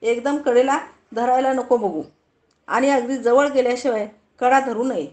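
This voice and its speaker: A woman's voice: fairly high pitch, moderate pace, darkish tone, reverberant, lightly acted. A woman voicing a young man who patiently reassures a boy. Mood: encouraging. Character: encouraging young man teaching swimming.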